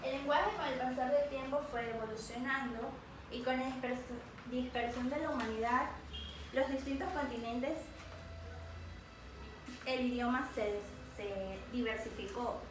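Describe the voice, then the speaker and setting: Halting young woman presenting in class. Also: high-pitched, fairly even intonation. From Ecuador. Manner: hesitant, halting with fillers and restarts. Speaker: student presenter. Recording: very echoey room, mic far off, noisy.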